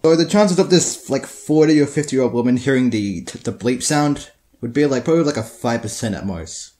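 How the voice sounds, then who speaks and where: A man's voice: mid-range voice, lively intonation, normal speed, dark tone, slight background noise. A teenage boy telling crude school stories in a casual, profane, rambling way, full of restarts. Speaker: storyteller. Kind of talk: casual storytelling.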